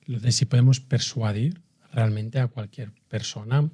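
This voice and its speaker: A man's voice: medium pitch, fairly even intonation, moderate pace, dark tone, breathy edge. A man hosting a podcast who asks questions casually and often ends them with tag questions. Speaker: podcast host. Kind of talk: interview questions.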